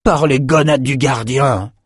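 A man voicing rough, hungry male soldiers in a fantasy audiobook, shouting and complaining. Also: fairly high pitch, normal speed, dry recording, clean studio sound, voice pushed up, natural voice. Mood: cursing.

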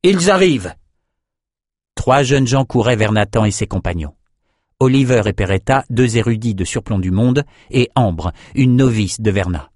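This is a male narrator reading a fantasy audiobook with steady, even pacing. His voice sits on the low side. The recording is dry and close. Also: normal speed, dry recording. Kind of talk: scripted narration.

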